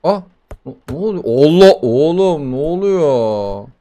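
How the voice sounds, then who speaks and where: A young man narrates a horror game playthrough in loose, profane banter, reacting loudly to every scare. His voice sits a touch high for a man and swings widely in pitch, jumping from mutters to yells. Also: unhurried. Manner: excitable, swearing, banter with the game. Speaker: gaming YouTuber. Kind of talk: gaming commentary.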